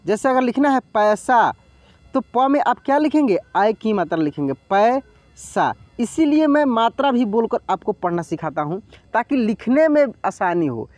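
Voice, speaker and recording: A man teaching reading in an online lesson, patiently spelling words out slowly, syllable by syllable. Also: very high voice, big pitch swings, a little mellow, dry recording.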